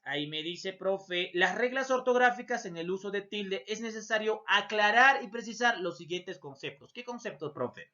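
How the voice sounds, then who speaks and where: A male teacher gives a recorded lesson in a bright, pressed voice. He raises the questions his students might ask and answers them himself, now and then calling the listener his dear student. The recording sounds dull and lo-fi. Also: a little high. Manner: explains by asking and answering its own imagined student questions.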